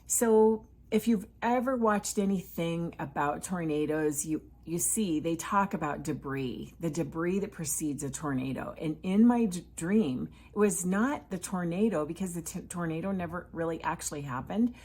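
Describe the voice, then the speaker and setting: A woman author sharing an earnest Sunday reflection on faith, speaking in a measured way with thoughtful pauses. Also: lowish voice, a little mellow, slightly rough.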